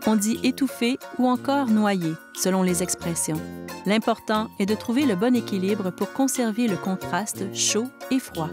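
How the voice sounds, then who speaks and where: A Québécois woman reads a food feature voice-over in a measured, even way at a middle pitch. The narration is scripted and steady. Clear music plays behind her. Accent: Québécois French. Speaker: reporter narrator.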